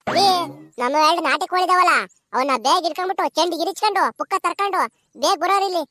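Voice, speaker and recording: A woman playing a shrill, fast-talking village wife in a cartoon, pleading and bossy by turns. Her very high, bright voice races along in a sing-song rural manner. The sound is dry and close. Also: dry recording. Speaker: narrator voicing village women.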